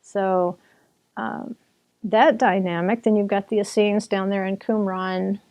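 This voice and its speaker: With a warm, mellow voice that barely moves in pitch, a woman who writes and teaches the Bible talks through history at a measured pace. Her style is conversational, full of restarts and returns to earlier points, with the occasional laugh.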